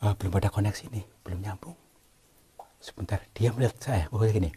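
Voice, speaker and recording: A man's voice: lowish voice, brisk, mellow, a little hiss or hum. Hesitant apologetic man in a cave. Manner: hesitant, apologetic, many fillers. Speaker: cave-exploring vlogger. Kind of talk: hushed polite on-location talk.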